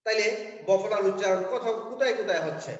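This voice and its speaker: A man with a high voice teaches pronunciation, explaining each rule step by step and pausing to check that his listeners follow. The recording is dull and lo-fi, with a long, heavy echo from a large hall. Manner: explains step by step, checks in with "কেমন?" and "ঠিক আছে?". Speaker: Bengali language teacher. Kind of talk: classroom pronunciation lesson. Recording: echoey hall, dull lo-fi sound.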